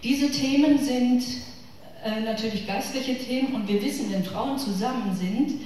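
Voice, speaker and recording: Picked up from afar in an echoing hall full of room noise, a middle-aged northern German woman talks about faith to a women's church group. Her fairly high, warm voice moves a little slowly as she chats informally and speaks to her listeners personally and directly.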